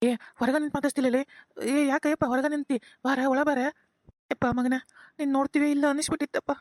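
A woman voicing a gentle older village father with a North Karnataka accent, consoling and quoting proverbs, in a cartoon. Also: high voice, flat delivery, quick pace, no room sound, studio quality, close to an everyday voice. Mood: warm. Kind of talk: cartoon voice acting.

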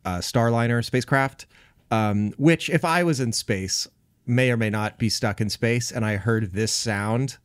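A man's voice: mid-range voice, a little slow, smooth, no room sound, clean studio sound. A man presenting trivia on a tech podcast, playful and jokey in casual chat.

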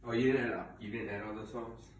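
A man's voice: lowish voice, fairly even intonation, fairly quick, lo-fi sound. A young man chatting casually, off camera in a room at home. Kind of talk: casual chat. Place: home dining area, off camera. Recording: echoey room, faint kitchen noise.

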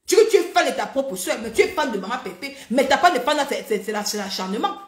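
A woman hosting a live stream, talking in an animated, mocking, repetitive way. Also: a little high, fast talker, reverberant. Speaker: livestream host. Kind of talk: heated live-stream rant.

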